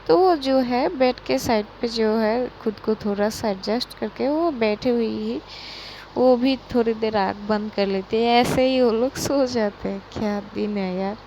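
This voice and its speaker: Woman, young adult, relaxed chatty narration, slow pace, gravelly voice. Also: fairly high pitch, a little hiss or hum, rough recording. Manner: relaxed, chatty, with frequent fillers. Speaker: storyteller. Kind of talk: casual story narration.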